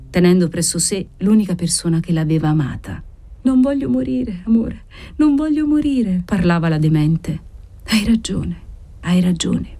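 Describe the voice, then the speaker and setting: A woman reading a dramatic novel aloud as an expressive audiobook narrator. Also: mid-range voice.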